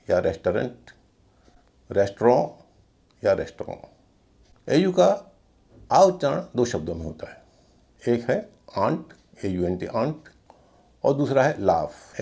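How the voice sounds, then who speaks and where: A man teaching English pronunciation, slowly spelling out words letter by letter and repeating each one. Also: mid-range voice, warm tone.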